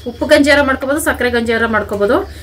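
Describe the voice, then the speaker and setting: A young village woman from talks straight to her followers and calls them friends, chatty and homely. Her voice sits high and bright. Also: very fast. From Karnataka, India. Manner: chatty, addresses viewers as friends. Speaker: vlogger, channel host. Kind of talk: casual cooking vlog narration.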